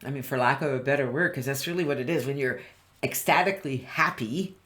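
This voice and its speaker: A woman business coach giving a live online training, animated and constantly quizzing her listeners. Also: very deep voice, a little fast. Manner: animated, keeps quizzing the audience. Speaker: business coach presenting a webinar.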